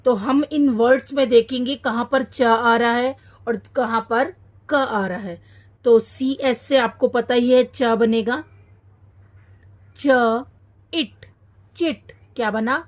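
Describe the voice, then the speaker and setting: Slow, patient woman teaching phonics. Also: on the high side. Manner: slow, sounding out each syllable and repeating words. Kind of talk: children's phonics lesson.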